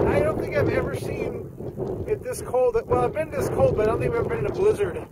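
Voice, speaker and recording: A man filming outdoors in a blizzard, chatting casually and excitedly, raising his voice over the wind in a salty, jokey way. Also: very high voice. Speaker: vlogger filming a winter walk. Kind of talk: casual chat while filming. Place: outdoors by a waterfront in a windy blizzard. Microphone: handheld camera. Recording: very loud wind noise on camera mic.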